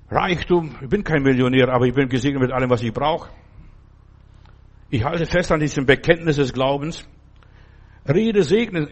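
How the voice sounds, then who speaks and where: A man preaching an informal sermon in a fairly high voice. He repeats his declarations over and over, jumping from loud, emphatic outbursts to quiet, confiding asides. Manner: repetitive, proclaiming, swings between loud outbursts and quiet asides.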